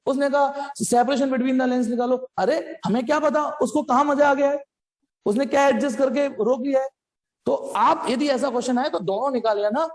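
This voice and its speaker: A male physics teacher with a very high, darkish-toned voice works through problems with his students during a live online class, keeping things loose, joking and chatty and calling them "beta." A long reverb tail follows his voice, as if he were recording in a large, echoing space.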